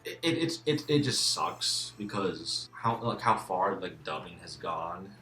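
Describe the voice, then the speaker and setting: A man's voice: low voice, very animated, measured pace, pushed and bright, roomy sound, faint music behind. A man who is a guest in a casual game discussion, repeating words as he restarts and swearing emphatically.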